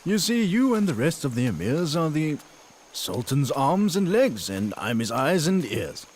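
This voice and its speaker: A man's voice: a little high, sing-song, unhurried, darkish tone, slight background noise. An actor dubbing a sly, sarcastic male court spy in a historical drama. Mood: mocking. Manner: mocking, sarcastic. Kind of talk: English dub of a historical drama.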